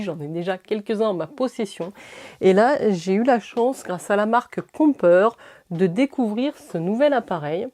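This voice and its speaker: A woman's voice: medium pitch, warm tone. A French woman beauty vlogger chatting through a product review, enthusiastic, with many fillers and restarts.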